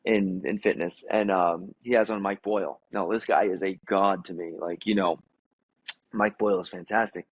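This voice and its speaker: A man's voice: low voice, moderate pace, slight background noise. A man in his forties with an American accent, a gym owner who is a guest on a podcast, telling stories casually with lots of fillers and acted-out quotes. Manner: animated storyteller who acts out quotes, many fillers. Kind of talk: casual conversational storytelling. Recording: dull lo-fi sound.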